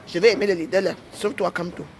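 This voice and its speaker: A woman's voice: lowish voice, steady tone, fast talker, slight background noise. A woman with a Cameroonian French accent, a vlogger speaking straight to her audience in a heated, indignant rant, repeating herself and tagging phrases with "hein".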